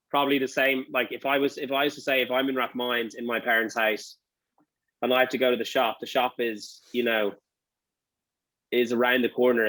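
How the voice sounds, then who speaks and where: A man's voice: medium pitch, fairly bright tone, dry recording, low-quality recording. A man with a Dublin accent giving casual interview answers, rambling as he thinks aloud. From Dublin, Ireland. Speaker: interview guest, restaurant owner.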